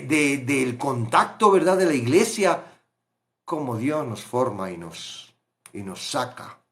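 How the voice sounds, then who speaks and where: A man teaching a live Bible study, fervent, dropping to hushed and rising loud. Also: a little high. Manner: fervent, acts out quotes, swings loud to hushed.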